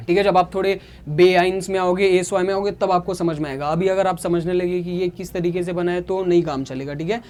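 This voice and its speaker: This German teacher from India speaks in a high, slightly mellow voice with fairly even intonation. He takes beginners through a lesson slowly and patiently, drilling words through repetition and often checking that his students have understood.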